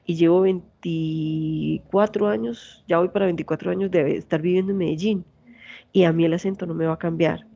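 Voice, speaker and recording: A woman's voice: fairly low pitch, steady tone, normal speed, creaky, dark tone, lo-fi sound. A woman in her forties with a Santander Colombian accent, a university teacher giving an online lecture and often asking her students questions. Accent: Santander Colombian Spanish. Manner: asks students many check questions.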